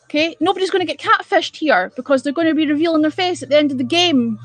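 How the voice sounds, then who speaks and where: High and fast, this woman's voice comes through a dry recording with faint music in the background. She's a livestream host from Edinburgh, Scotland, with a Scottish accent, chatting casually with viewers in a blunt, exasperated way and swearing freely.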